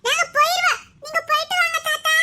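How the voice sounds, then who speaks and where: A performer voicing polite little grandchildren through a high pitch effect, with a Tirunelveli accent, calling their grandpa again and again. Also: fairly even intonation, fast, heavy background noise. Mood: sweet. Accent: Tirunelveli Tamil. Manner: polite, sing-song, calling grandpa often.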